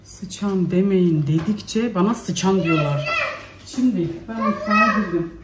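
A mother and vlogger chats casually in a home vlog, often calling out to her children as she does chores around the kitchen and yard. Her voice is medium-pitched and measured, recorded in an echoey room with background noise.

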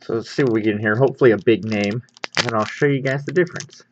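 A man with a lowish voice talks quickly while hosting a sports card pack-opening show, giving upbeat, easygoing commentary on what he's unboxing. Background noise can be heard, and the lo-fi microphone makes the sound slightly dull.

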